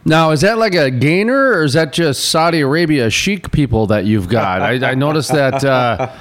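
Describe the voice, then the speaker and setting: A man hosts a morning show from a studio. His voice sits at an average pitch, and he talks in loose, casual radio banter with a co-host. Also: lively intonation, moderate pace.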